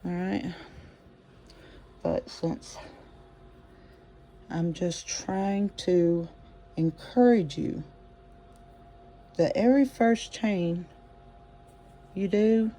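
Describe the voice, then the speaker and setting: A crochet teacher giving a casual step-by-step demonstration in an encouraging, folksy way, talking each stitch through out loud. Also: medium pitch. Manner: chatty, encouraging, repeats steps aloud; homespun, folksy phrasing.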